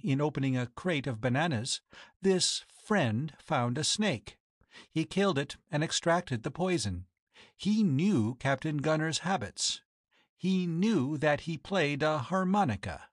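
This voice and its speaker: A man's voice: on the high side, lively intonation, slow pace, no room sound, clean studio sound. A man reading the lines of a proud, cold woman who keeps a boarding house, speaking formally and accusingly. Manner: formal, accusing, coolly biting.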